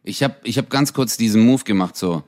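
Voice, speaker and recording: A man's voice: fairly low pitch, fairly quick, darkish tone. A man co-hosting a comedy podcast in a loose, casual chat full of slang and fillers. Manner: laid-back, lots of fillers and slang. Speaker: podcast co-host.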